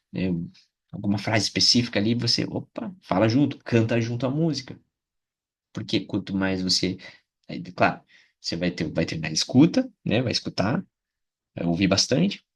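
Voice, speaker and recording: A man's voice: lowish voice, breathy edge. A Brazilian Portuguese-speaking man teaching English in a casual spoken lesson. He talks in a chatty way, repeats short phrases and keeps checking in with the listener.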